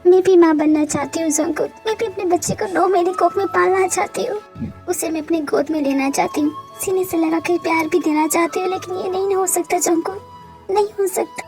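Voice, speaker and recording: A grieving young wife, played by a woman speaks in a high voice, tearful and pleading. Soft music sits faintly behind this fan-dubbed romantic audio drama. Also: fairly even intonation, a little fast. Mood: despairing.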